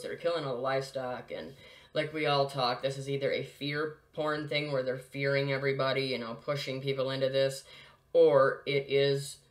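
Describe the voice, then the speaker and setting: A man hosting his own video, reading articles aloud and reacting in an agitated, scornful, repetitive way. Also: mid-range voice. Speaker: conspiracy video host.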